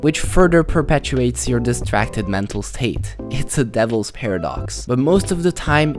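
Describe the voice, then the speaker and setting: A young man hosting a self-improvement vlog, chatty and direct, calling the viewer bro. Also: mid-range voice. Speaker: self-improvement video host. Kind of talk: casual advice vlog.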